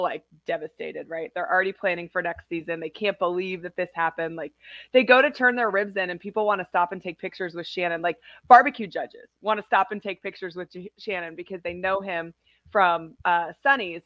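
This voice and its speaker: Hoarse, raspy woman podcaster. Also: lowish voice, fairly bright tone, no room sound. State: hoarse, lost voice from a cold. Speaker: podcast host. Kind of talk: casual chat.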